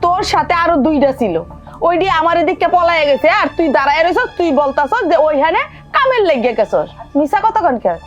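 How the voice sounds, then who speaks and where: A woman's voice: very high voice, animated, fairly quick, dull audio, soft background music. An actress playing a stern but protective grandmother defending her orphaned grandson. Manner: scolding, pleading. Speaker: grandmother in a family drama. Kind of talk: television drama acting.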